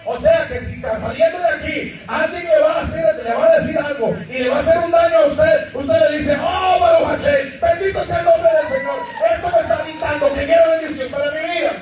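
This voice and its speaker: A man preaching a sermon as pastor to a congregation, shouting points and joking. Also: very high-pitched, brisk, hardly any pauses, distant mic, over loud music, over a noisy crowd. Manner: shouting sermon delivery with jokes and acted quotes. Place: church service with congregation. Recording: very echoey church hall, from the mic.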